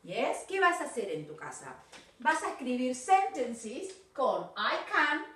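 A patient woman with a Rioplatense Spanish accent teaching a children's English lesson. She speaks slowly, with a bright, lively, rising and falling voice. She is recorded from a distance in an echoey room. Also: sits high. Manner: slow, patient, encouraging, mixes Spanish and English.

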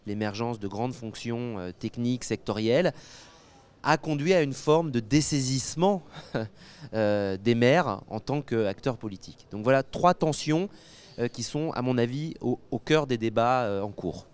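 A French man in his thirties, an academic geographer appearing as a guest expert, answers interview questions analytically on an indoor convention set, using a handheld microphone. He speaks hesitantly and measuredly, with frequent pauses and repeated words. His medium-pitched voice is animated, clear and resonant, with a darkish tone.

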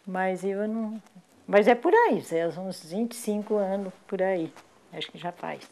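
A woman's voice: medium pitch, expressive, measured pace, a little mellow. An older woman from Brazil, a longtime listener speaking plainly in an interview. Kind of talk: interview recollection.

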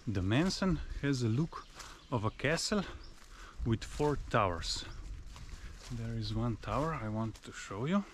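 A man in his thirties talks slowly and calmly to a handheld action camera as he picks his way through an abandoned mansion. His English is a second language, with slightly unusual phrasing, and his steady tone is neither deep nor high. A faint hiss sits under his voice. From former Yugoslavia. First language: Serbo-Croatian. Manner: explains calmly while exploring, slightly non-native phrasing. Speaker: travel vlogger. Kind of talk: casual walking tour commentary. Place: outdoors in a park, then inside an empty abandoned mansion. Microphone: action camera held at arm's length.

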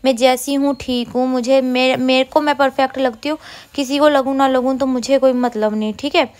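An Indian woman in her thirties, a vlogger, chats casually at home about her day while doing chores, rambling and often correcting herself. Her voice is high-pitched and a little mellow, with fairly even intonation and a moderate pace.

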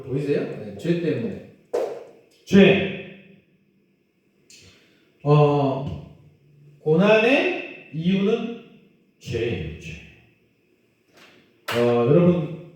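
A man preaching as a pastor to children, animated, asking them questions and acting out quotes. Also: on the high side. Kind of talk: children's sermon. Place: church hall. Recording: very echoey room, mic at a distance.

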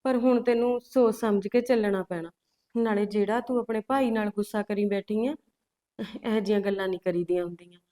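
A middle-aged woman playing a calm village mother who coaxes and soothes her grown children, with faint music behind. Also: mid-range voice, fairly quick, natural voice. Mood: soothing. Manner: calm, coaxing, keeps calling her children "son".

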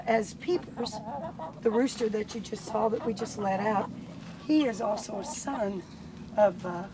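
A woman, chatting casually on her farm and cooing at her birds. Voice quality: hoarse. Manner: chatty, coos high at animals. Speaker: farm vlogger. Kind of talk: casual farm vlog narration. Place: outdoor farmyard. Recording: noisy outdoor farm, chickens clucking. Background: chickens and rooster.

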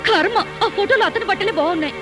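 A pleading young wife, her voice very high and soft as she coaxes her husband. Film music runs under her lines. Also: fast. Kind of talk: film dialogue.

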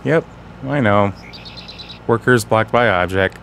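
A man's voice: lowish voice, slow pace, fairly bright tone, a little hiss or hum. A man hosting casual game commentary, talking slightly off as he guards a sore, bitten tongue. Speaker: gaming channel host.

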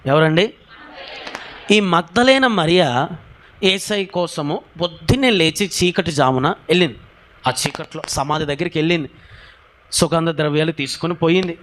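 A man preaching a sermon, telling a story with rhetorical questions and shouted hallelujahs. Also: on the high side. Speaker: pastor.

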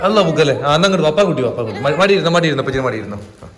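Young father, coaxing and playful, lively up-and-down pitch, echoey room. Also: rapid-fire. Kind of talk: casual family vlog, talking to his children. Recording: echoey room with background noise.

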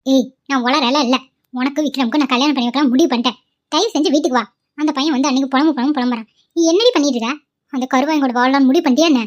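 A woman voicing a pushy middle-aged cartoon mother who scolds her daughter harshly. The voice is high and fast, and the recording is dull and lo-fi. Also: lightly acted. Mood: scolding. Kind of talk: cartoon voice acting.

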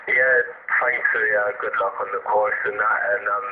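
A man's voice: fairly low pitch, fairly even intonation, normal speed. A man who is a student amateur radio operator, spelling out call signs hesitantly, heard over a fading shortwave radio signal. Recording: lo-fi radio audio with loud static.

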